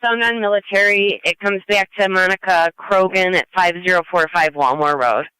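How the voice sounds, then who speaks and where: A man dispatching on police radio in a high, bright voice. He keeps to terse, businesslike procedural phrases. The sound is crisp and clean. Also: moderate pace, no room sound, rough recording. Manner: clipped, businesslike.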